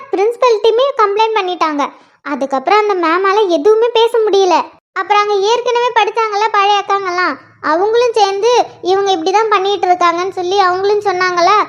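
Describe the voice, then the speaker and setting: A performer with a very high, fairly bright voice plays a talkative schoolgirl in a solo comedy skit, eagerly recounting her school day to her sister. It comes through on a dull, lo-fi recording.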